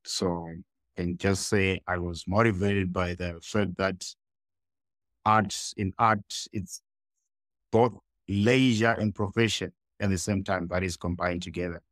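A young man from Zimbabwe, a guest artist in a casual video-call interview, talking in halting phrases and often repeating words while he searches for them. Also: sits low, fairly even intonation, a bit bright, dry recording. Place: small room indoors. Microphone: headset on a video call.

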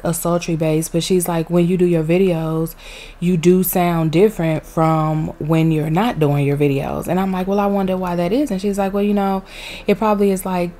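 Recording at home beside a loud heater, the young vlogger keeps her voice-over chatty and peppy with Southern expressions. She speaks through a desk mic in a lowish voice with a dark tone.

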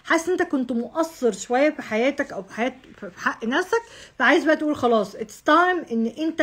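A woman's voice: sits high, husky. A woman with an Egyptian accent, an astrologer giving a casual monthly horoscope reading, talking straight to the viewer, repeating herself and dropping English phrases. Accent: Egyptian Arabic. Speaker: astrologer host.

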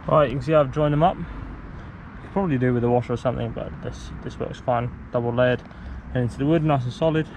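A young adult man, a sailing vlogger, casually explains a DIY build in a relaxed, rambling how-to vlog, first in a garden and later in a shed. His voice is mid-range and quick, recorded on a handheld camera at arm's length with a noisy background.

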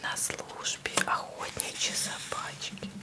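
A woman hosting ASMR in a soft, breathy whisper close to the mic, cooing tenderly and repeating words soothingly. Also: slow pace. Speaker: ASMR channel host.

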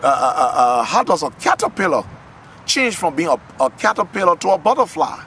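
A man's voice: on the high side, very animated, fairly quick, bright, forceful tone, slight background noise. A middle-aged man from Liberia, a pastor giving an earnest testimony and sermon to a close camera outdoors, often repeating words as he builds fervor. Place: outdoors in a garden, trees behind. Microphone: camera at close range.

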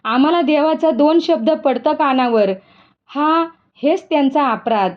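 A woman's voice: high voice, measured pace. A woman voicing an earnest, devout village farmer in rustic speech, in a dull lo-fi recording.

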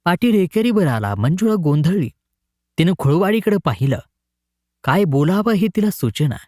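A man narrating a short story in a dramatic, expressive reading. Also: high-pitched, moderate pace, no room sound, clean studio sound.

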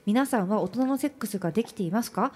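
A woman co-hosting a radio show, reading a listener's letter aloud and reacting with quick laughs. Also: medium pitch, lively intonation, darkish tone, husky. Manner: laughs easily, brief reactions. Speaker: radio co-host. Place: radio studio.

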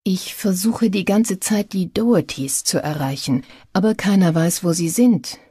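A woman reading an audiobook, voicing a scheming man who poses as a polite reporter with an oily, drawn-out manner. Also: low-pitched, animated, warm tone, husky, no echo, clean studio sound.

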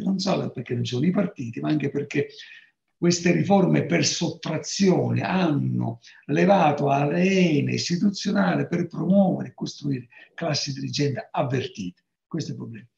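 A man's voice: fairly high pitch, normal speed, creaky, a little mellow. A man in his sixties lecturing informally on a video call in an emphatic manner, repeating key phrases. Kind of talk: informal academic lecture discussion. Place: book-lined home study, video call. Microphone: video call microphone. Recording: roomy, dull video-call audio.

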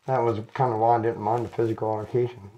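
A man's voice: on the low side, little pitch movement, quick pace, dark tone, lo-fi sound. A middle-aged man, a chiropractic patient, chatting casually and ramblingly while lying down for treatment. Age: 40s or 50s. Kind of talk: casual chat during a treatment. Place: small chiropractic office, indoors. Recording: noticeable background noise, clicks.

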